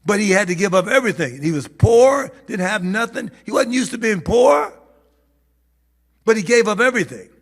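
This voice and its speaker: A man preaching as a bishop at a church prayer meeting, animated and laughing, sometimes rising to shouts. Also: high voice, moderate pace. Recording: hall reverb.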